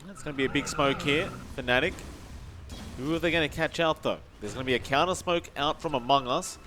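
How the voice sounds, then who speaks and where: A man commentating an esports match, calling the action quickly and rising in the fights. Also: fairly high pitch, pushed and bright, slight background noise. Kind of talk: play-by-play commentary.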